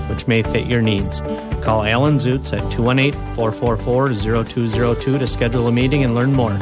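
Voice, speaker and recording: A man reading a scripted radio advertisement in a smooth, even sales voice. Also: medium pitch. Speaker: ad announcer. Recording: ad read over a music bed.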